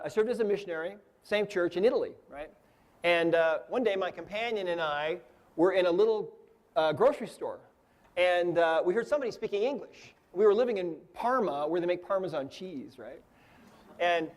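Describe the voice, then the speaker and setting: Man, fifties, high voice, storytelling lecture, chatty, tag questions. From United States. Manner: conversational, checks in with frequent "right?" and "okay?". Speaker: energy healing teacher.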